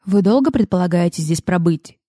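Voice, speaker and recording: A cool, mocking male boss who gives orders instead of asking, voiced by a woman reading the book. His lines come in a low, dark tone with a dry, close sound. This is a plain audiobook character voice. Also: expressive, a little fast, dry recording. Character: sardonic self-assured male boss.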